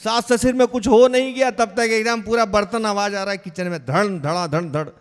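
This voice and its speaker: A man's voice: extremely high pitch, little pitch movement, fairly quick, smooth. A man preaching a sermon, telling a story with animation and asking his listeners questions. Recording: long hall reverb.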